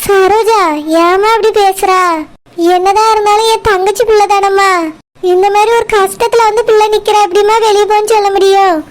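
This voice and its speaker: A woman playing a gentle old cartoon grandmother with a Kanyakumari Tamil accent and a very high voice. She coaxes and pleads softly for kindness. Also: level tone, a little fast. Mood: pleading. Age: older. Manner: soothing, pleading. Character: kindly old grandmother who preaches forgiveness. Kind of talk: cartoon voice acting.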